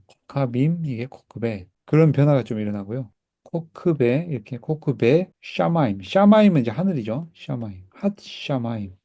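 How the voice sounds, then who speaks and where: A man with a warm, mid-range voice teaches a Hebrew class at the whiteboard, patiently explaining and repeating words for students to echo back. The recording captures the classroom language lesson.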